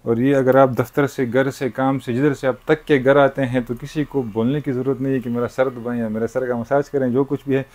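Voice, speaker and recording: A man, a shopkeeper demonstrating gadgets in a market shop. He talks in a brisk salesman's patter and keeps using polite forms of address. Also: mid-range voice, flat delivery, a little mellow. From Pakistan. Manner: brisk salesman patter, frequent "thik hai" and "janab-e-wala". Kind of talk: product demonstration sales pitch.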